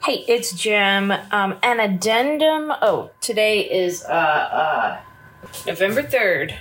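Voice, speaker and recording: A woman's voice: medium pitch, animated, slow, a bit bright. A woman vlogger talking candidly in a casual video diary, a little congested, chatty and full of fillers.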